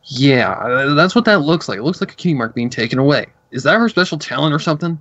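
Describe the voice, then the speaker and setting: A man's voice: a little high, lively intonation, quick pace, fairly bright tone, no room sound. A man chatting casually in commentary, explaining plot details at length. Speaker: co-host reviewing a cartoon episode. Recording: dull lo-fi recording.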